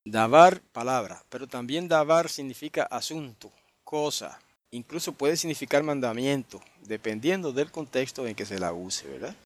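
A man's voice: mid-range voice, lively intonation, moderate pace. A man leading an online Bible study, reading verses aloud and then commenting on them, often checking with his listeners and thinking aloud with restarts. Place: online group meeting.

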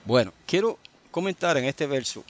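A man's voice: a little high, lively intonation, normal speed. A man, teaching an informal Bible study and stopping often to check in with his listeners. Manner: conversational, full of tag questions and fillers.

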